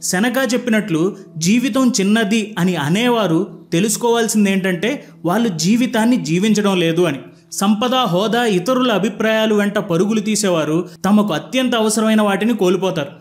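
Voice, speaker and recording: A man narrating stories and explaining their lessons in a calm, scripted telling. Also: high voice.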